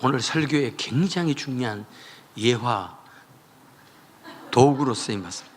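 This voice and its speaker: A man preaching a revival sermon, telling the story with animated voices. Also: mid-range voice, measured pace, slight background noise. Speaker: pastor.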